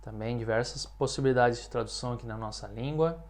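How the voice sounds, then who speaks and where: A man from Brazil teaching an English lesson in Portuguese, explaining patiently and saying the English examples slowly and clearly. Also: mid-range voice. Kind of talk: language lesson.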